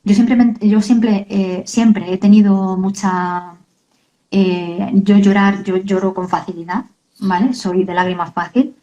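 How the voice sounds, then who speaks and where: Guest author, woman, earnest and halting in a mellow voice. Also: medium pitch, steady tone, muffled recording. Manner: earnest, halting, many tag questions. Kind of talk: emotional interview talk.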